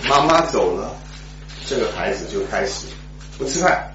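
A man preaching a sermon as a story, swinging dramatically between hushed and loud, heard in an echoey, distant, dull recording. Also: lowish voice, lively intonation, normal speed, noisy background.

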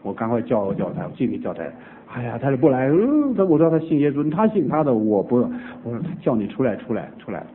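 Animated male preacher on a tinny recording. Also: medium pitch, fast, slight background noise. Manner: animated storytelling, acting out family dialogue. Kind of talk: sermon testimony storytelling. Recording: tinny phone-like old recording.

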